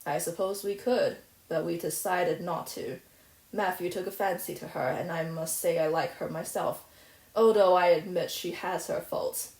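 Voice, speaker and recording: A woman's voice: lowish voice, steady tone, normal speed, darkish tone, roomy sound, natural voice, poor audio. A woman reading aloud, voicing a stern, dry-spoken middle-aged spinster. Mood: dry, firm. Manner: dry, firm, matter-of-fact.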